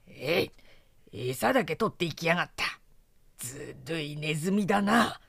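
A woman voicing an irritable, suspicious male servant in a storybook reading, with a low gravelly voice and rough grumbling speech. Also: expressive, moderate pace, a bit bright, no echo, heavily acted.

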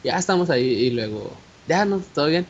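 A man's voice: on the high side, fairly quick. Chatty young Mexican man, lo-fi hiss. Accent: Mexican Spanish. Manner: animated, slangy, many fillers and restarts. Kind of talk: casual storytelling chat. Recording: dull lo-fi audio with faint hiss.

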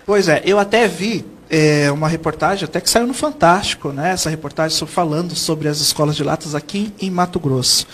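A Brazilian man from São Paulo state talks fairly quickly with few pauses, his voice a little high and fairly bright, over a slight hiss or hum. As a TV interview guest educator, he explains earnestly, often posing and then answering questions.

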